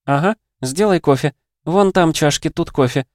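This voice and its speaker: A man's voice: on the high side, normal speed, no echo, studio quality, voice pushed up, natural voice. A man reading an audiobook, voicing a cheerful, teasing young woman cooking breakfast. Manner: bright, teasing, lively.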